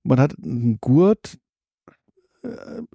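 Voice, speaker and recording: A man talks in a relaxed, opinionated way, pausing often on fillers. His voice is gravelly and mellow. The recording is dry and close. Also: mid-range voice, no room sound, highs cut off. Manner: opinionated, critical, with many fillers. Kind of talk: casual chat about theme parks.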